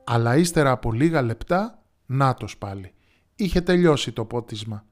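Guy reading a kids fairy tale, calm and steady, mid-pitched, soft music under it. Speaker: storyteller, podcast host. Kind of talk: scripted storybook narration.

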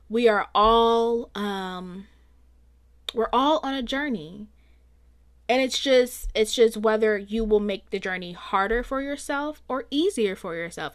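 On her solo podcast, a woman talks through ideas in a chatty, thoughtful ramble packed with fillers. Her voice is on the high side and a bit bright, carrying some strain from all the speaking.

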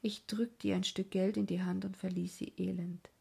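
A woman reading a story aloud as a whispered role-play, in a slow, mournful way. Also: medium pitch, little pitch movement, vocal fry, darkish tone, husky. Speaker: reader.

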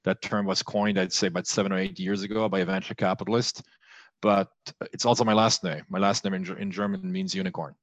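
Man, middle-aged, from France, low voice, dry sound, podcast guest, fillers. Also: fairly even intonation, fast, no room sound. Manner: fluent, many fillers and restarts. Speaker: guest entrepreneur. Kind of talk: conversational interview.

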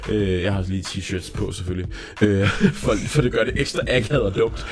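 A young man casually telling a story in a chat, animated and lively, sometimes acting out panicked shouting. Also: on the low side, faint music behind.

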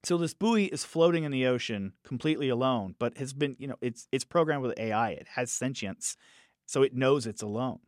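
A man's voice: mid-range voice, a little fast, no echo, studio quality. A man reviewing films in a casual podcast chat, talking animatedly and restarting phrases as he thinks aloud. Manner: animated, acts out quoted characters in raised voices. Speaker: film reviewer.

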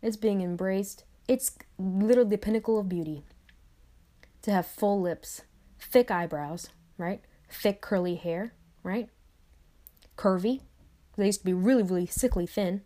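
A young adult woman vlogs to camera in a mid-range, warm voice at a slightly slow pace. Her reflective, motivational monologue returns to the same phrases and includes casual asides.

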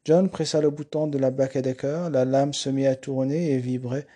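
A man reading a novel aloud in a steady, dry narrating style. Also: medium pitch, normal speed. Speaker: reader. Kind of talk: audiobook narration.

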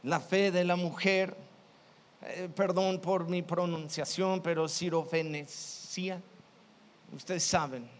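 A male pastor delivers a sermon in a high voice at an unhurried, deliberate pace. He retells stories with emphasis, repeating phrases for weight. His words trail into the long reverb of a church hall. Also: fairly even intonation, slight background noise. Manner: emphatic, storytelling with repetitions.

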